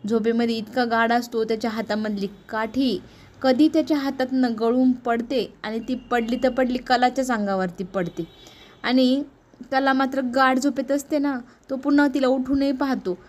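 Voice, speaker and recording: A woman's voice: a little high, fairly even intonation, moderate pace. A young woman casually retelling a TV serial episode in a chatty, repetitive, conversational way. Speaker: storyteller recapping a serial episode.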